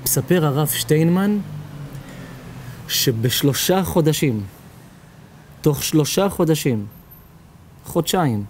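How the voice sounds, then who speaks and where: A man's voice: a little high, long pauses, slight background noise. A man, a rabbi, giving a sermon and telling a story vividly, acting out the people in it. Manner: animated storyteller who acts out the people in his tale.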